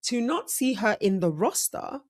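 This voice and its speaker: A woman's voice: a little high, big pitch swings, normal speed, darkish tone. A woman hosting a casual sports breakdown, chatty and self-correcting, her speech slightly impeded by braces. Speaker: host.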